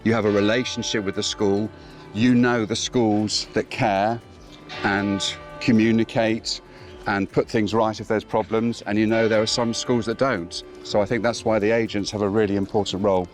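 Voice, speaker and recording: A middle-aged man, a former headteacher, giving measured, assured advice in an interview outdoors on city streets. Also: lowish voice, flat delivery, faint music behind. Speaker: former headteacher and admissions advisor. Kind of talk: conversational interview.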